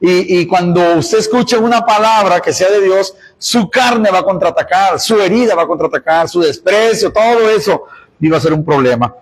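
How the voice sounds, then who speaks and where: A man's voice: high voice, normal speed, slightly rough, rough recording. A male pastor, preaching a sermon and exhorting the congregation. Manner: preaching, with quoted voices and emphatic exhortations.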